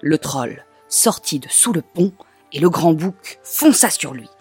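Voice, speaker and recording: Male storyteller, measured fairy-tale read, slow. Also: on the high side, lively intonation, darkish tone, breathy edge, faint music behind. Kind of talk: scripted fairy-tale narration.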